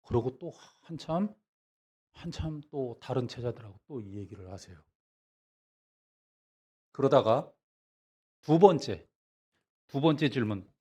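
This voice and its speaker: A man preaching a revival sermon as pastor. He tells the story with animation, asks the congregation questions, and speaks the dialogue in a hushed, lower voice. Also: expressive, measured pace, long pauses, breathy edge.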